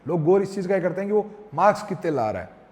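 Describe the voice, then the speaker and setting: Man, podcast guest, animated storyteller, quick, long reverb. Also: high-pitched. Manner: fast, animated anecdotes acting out a child's and his own lines. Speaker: father talking as podcast guest.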